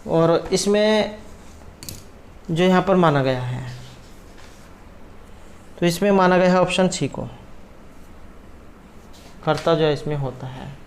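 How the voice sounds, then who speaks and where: Man, somewhat high voice; methodical exam tutor. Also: slow pace, long pauses. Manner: methodical, walks through answer options. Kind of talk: explaining exam questions.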